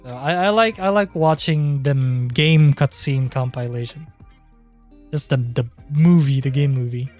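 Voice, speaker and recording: A man's voice: medium pitch, unhurried, darkish tone. A man chatting casually on a livestream in an informal, sweary, rambling way. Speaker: streamer. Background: background music.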